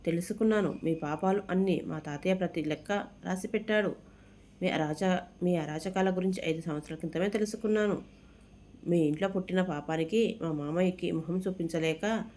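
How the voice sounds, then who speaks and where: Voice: mid-range voice, close to an everyday voice. Narrator doing an outraged young hero. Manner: shouting, outraged. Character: angry young man, hot-tempered hero.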